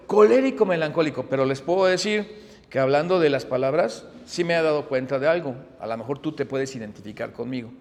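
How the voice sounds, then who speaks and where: Middle-aged pastor, high-pitched and animated, preaching in a reverberant hall. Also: male voice. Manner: animated, swings from loud emphasis to hushed asides. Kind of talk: sermon.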